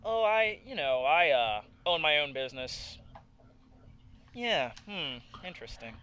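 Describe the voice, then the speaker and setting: A man's voice: fairly high pitch, big pitch swings, sharp tone, smooth, full character voice. A man voicing a snooty, self-satisfied wealthy man who drawls and hums smugly. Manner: drawling, haughty, pausing with smug hums.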